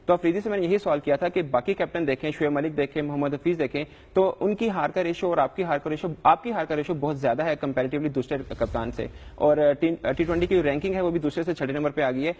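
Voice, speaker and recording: A man's voice: on the high side, few pauses, darkish tone, long reverb tail. A young adult man, a sports reporter, answering questions in a live news interview in an earnest, defensive way with frequent hesitations.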